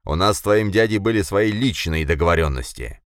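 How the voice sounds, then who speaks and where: A man voicing a fat, furious bully yelling. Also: deep voice, expressive, a little fast, dry recording, clean studio sound. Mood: enraged. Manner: shouting, threatening, crude. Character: fat hot-tempered middle-aged man, furious bully.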